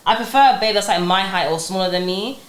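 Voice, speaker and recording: A woman's voice: mid-range voice, quick pace, reverberant. A young woman, chatting casually as a podcast guest in a slangy, agreeable way. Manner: slangy, repeats short affirmations. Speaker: podcast guest, content creator. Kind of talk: casual chat.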